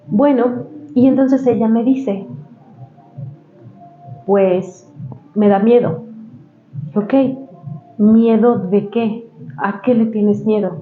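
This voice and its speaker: A woman's voice: fairly high pitch, fairly even intonation, takes it slowly, dark tone, faint music behind. A woman, a therapist guest on a podcast, recounting therapy sessions at length in a casual way with many fillers. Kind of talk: casual storytelling in a podcast interview. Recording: roomy, slightly dull podcast sound with faint ambience.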